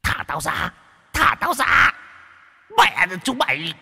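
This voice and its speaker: A shrieking possessed ghost. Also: male voice, sing-song, slow pace, vocal fry, pushed and bright, slightly rough, in a large hall, full character voice. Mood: shrieking rage. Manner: shrieking, high, whimpering. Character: wailing ghost possessing a man, pitiful and vicious.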